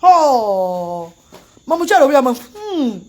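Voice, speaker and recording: A woman from Cameroon, chatting casually on a live stream and breaking into loud wailing chants. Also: high-pitched, sing-song, slow. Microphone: phone camera.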